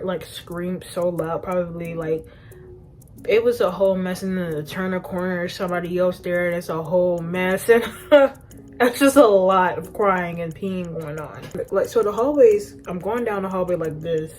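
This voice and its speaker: A young woman vlogger telling an animated storytime to her phone camera, often laughing at herself. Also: lowish voice, moderate pace, slight background noise. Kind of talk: storytime vlog.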